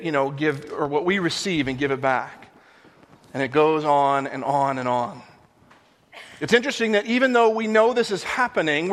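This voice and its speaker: A man's voice: on the high side, a bit bright, big-room sound. A middle-aged man preaching a sermon as a pastor, telling stories in a conversational way with frequent restarts.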